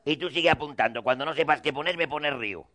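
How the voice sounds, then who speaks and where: A man's voice: on the high side, fast, background noise. A man telling a rambling, crude comic monologue in character, acting out both sides of the dialogue.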